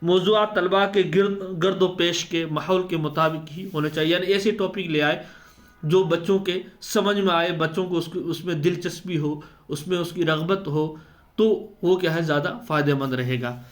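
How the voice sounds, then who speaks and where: A man teacher with a fairly high, steady voice gives an exam-prep lecture, explaining step by step and answering his own questions. He slows down to spell out letter sounds.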